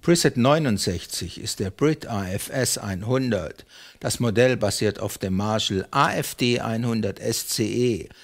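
Man in his fifties, low voice, very slow delivery, measured, matter-of-fact, studio demo host. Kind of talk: scripted product demo narration. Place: home music studio, indoors.

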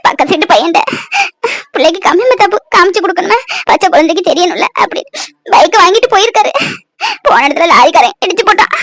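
Woman doing a high, very shrill young cartoon mother, tearful and pleading, rapid talk. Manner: pleading, sobbing speech. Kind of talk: cartoon voice acting.

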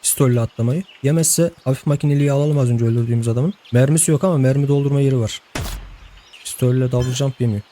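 A man's voice: medium pitch, fast talker, mellow. A young man giving casual let's-play commentary, chatting to the game's characters and laughing often. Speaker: gameplay host.

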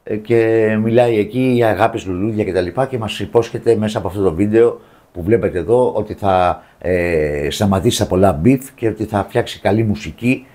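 A man co-hosting a showbiz gossip show, talking casually and mocking the celebrities he discusses with scorn. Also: on the low side. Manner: scornful, mocking, animated opinions.

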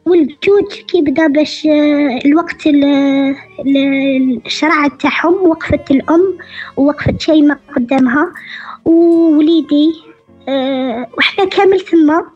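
A middle-aged woman with an Algerian accent, calling in over the phone and telling her story haltingly, with many hesitant fillers. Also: sits high, darkish tone, soft background music. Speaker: caller. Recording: dull phone line.

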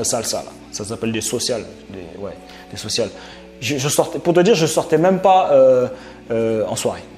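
A man's voice: mid-range voice, a little mellow. Chatty young man talking casually. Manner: chatty, many fillers and restarts, addresses viewer with "tu vois". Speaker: entrepreneur vlogger. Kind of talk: casual spontaneous talk to camera.

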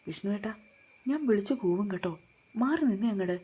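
A woman's voice: medium pitch, lively intonation, dark tone, slightly rough. A woman voicing a sassy, stubborn young woman of about twenty who pouts and protests in a storybook reading. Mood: pouty. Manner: pouty, teasing, quick to protest.

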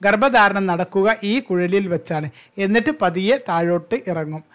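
A man presenting a scripted health lesson, reading steadily and ticking through long lists in a measured way. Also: high-pitched, a bit bright.

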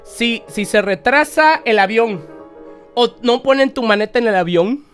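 A Mexican man streaming live, ranting loudly and swearing in exaggerated complaint. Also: extremely high pitch, unhurried, faint music behind.

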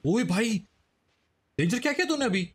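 A man streaming a battle royale match, leading his squad with quick, repeated commands. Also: very high-pitched. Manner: fast, excitable, repeats short commands. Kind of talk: live gameplay squad chat.

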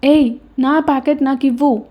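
A woman voicing an angry, defiant young woman who shouts and talks back rudely in a storybook reading. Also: high-pitched, steady tone, normal speed, lo-fi sound, close to an everyday voice. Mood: shouting. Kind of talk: storybook character voice.

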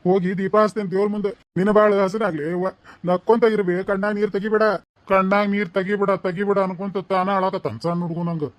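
Casting: a man playing a doting old grandpa who cries easily, North Karnataka village speech, high-pitched and quick, dry studio sound. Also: little pitch movement, no room sound, lightly acted. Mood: fond, tearful. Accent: North Karnataka Kannada. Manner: fond, grumbling, pleading. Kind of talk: cartoon voice acting.

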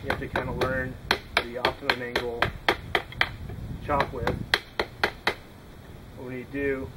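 A young man with a medium-pitched voice explains hatchet woodworking in a relaxed, unhurried manner while chopping outdoors in a yard, as a woodworking instructor giving a casual how-to demonstration. It's recorded on the camera, and the audio is very noisy.

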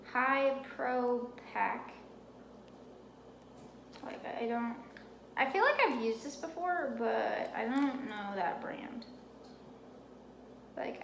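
A woman's voice: sits high, vocal fry. A young woman in her twenties talking casually at her kitchen table in a haul vlog, rambling and poking fun at herself. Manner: chatty, rambling, self-deprecating. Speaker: vlogger. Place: home kitchen table, indoors. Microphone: camera on table. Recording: roomy kitchen with background noise.

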